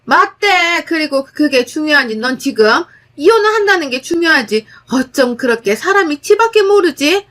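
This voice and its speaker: A woman doing a shrill, domineering older mother-in-law, pitched high and loud, storybook reading. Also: big pitch swings, moderate pace, few pauses. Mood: scolding. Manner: berating, loud, accusing.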